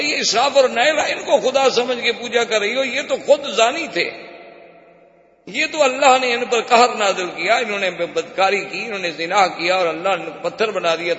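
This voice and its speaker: High, bright-voiced man preaching in an echoey hall. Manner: dramatic storytelling, voices the characters in quotes. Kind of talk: sermon storytelling. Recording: echoey hall, dull lo-fi sound.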